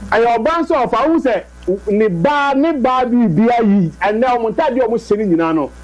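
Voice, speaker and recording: A man's voice: very high voice, animated, moderate pace, poor audio. Ghanaian man reading a religious teaching. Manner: questioning, reads then asides. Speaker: host reading a teaching series. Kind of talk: read-aloud teaching then casual chat in Twi.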